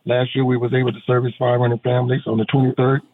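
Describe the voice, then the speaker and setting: A man's voice: medium pitch, monotone, fast, slightly rough, dry recording. A middle-aged man, a pastor and veteran, talking earnestly on a phone-in radio interview with many fillers and restarts. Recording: tinny phone line.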